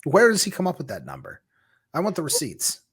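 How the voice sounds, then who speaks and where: A man's voice: on the high side, huge pitch swings, a little fast, fairly bright tone, slightly rough. A man talking in a casual political chat, sarcastic and mocking. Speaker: co-host.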